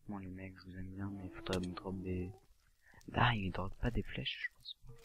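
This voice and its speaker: A man giving casual gameplay commentary, talking quietly and often half-whispering because it is late at night. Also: deep voice, steady tone, moderate pace, slight background noise. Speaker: let's play gamer.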